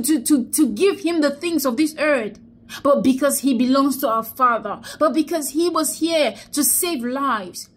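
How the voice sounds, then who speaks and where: A young woman with a high voice films an emotional selfie vlog indoors in a small room, holding her phone close to her face. Turning between mourning and exhorting, she repeats phrases over and over in a preachy way, as if delivering a sermon.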